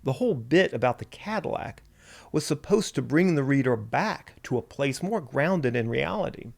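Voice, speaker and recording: A man's voice: medium pitch, expressive, normal speed, creaky, a little mellow. A man, a writer, delivering a reflective spoken essay in a musing, wry and self-deprecating way.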